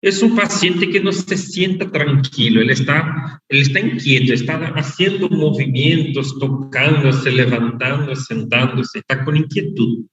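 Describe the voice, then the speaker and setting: A man lecturing a medical class, explaining terms slowly and repeating the key words. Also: medium pitch, fairly bright tone. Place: online class. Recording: echoey, dull, far from the mic over an unstable online connection.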